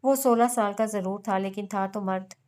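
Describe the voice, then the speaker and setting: Smooth, even-toned woman narrator. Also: mid-range voice, normal speed. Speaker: audiobook narrator. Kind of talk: novel narration.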